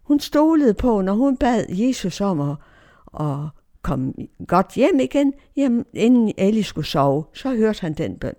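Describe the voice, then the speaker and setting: A woman's voice: mid-range voice, very animated, warm tone. A woman giving a personal faith testimony in an emotional way, her tone swinging widely.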